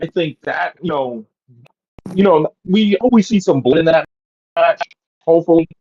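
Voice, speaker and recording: A man speaking over an online voice call, the audio dull and lo-fi with a mic that cuts in and out. His voice sits a little high and sounds dry and close. He talks in an easygoing, hesitant way. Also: lively intonation, normal speed, darkish tone, breathy edge, no echo. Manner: easygoing, hesitant, with fillers and restarts. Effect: online voice call audio with a mic cutting in and out. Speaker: guest joining a podcast by online call. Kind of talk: casual chat.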